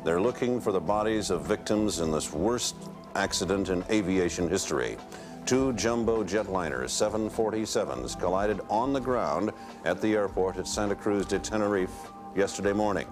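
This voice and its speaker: A male reporter delivering a broadcast news report in a measured way. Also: deep voice, music in the background.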